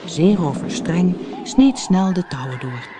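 An expressive reader narrating a children's storybook, with faint background ambience. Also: medium pitch, measured pace, noisy background. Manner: expressive, animated.

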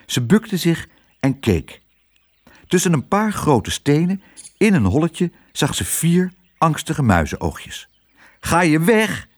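A man reading a children's storybook aloud, expressive and switching voices for each character. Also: fairly high pitch, slow. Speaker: narrator.

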